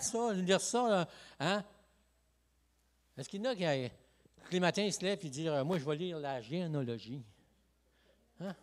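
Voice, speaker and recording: A male pastor from Lac-Saint-Jean with a Quebec French accent, giving a lively, joking evangelical sermon full of "hey" and "amen" interjections. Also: on the high side. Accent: Quebec French, Saguenay–Lac-Saint-Jean. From Quebec, Lac-Saint-Jean region. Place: church sanctuary.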